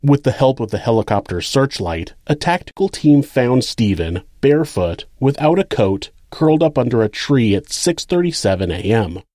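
A man's voice: medium pitch, very animated, normal speed, few pauses, warm tone, dry recording, studio quality. A man with an American accent reading scripted true crime narration as the narrator of the case.

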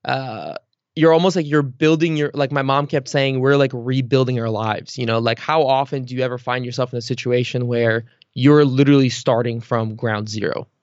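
A Bulgarian-born man in his thirties chats loosely in a casual interview as a podcast guest, relying on fillers like "like" and "you know." His mid-range voice is a little mellow, with fairly even intonation and a moderate pace, on dull audio with no echo.

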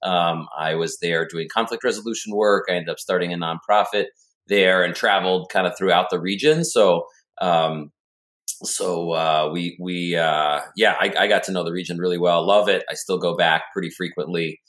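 Deep-voiced rambling male guest. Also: steady tone, normal speed, fairly bright tone. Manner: rambling, many restarts and fillers.

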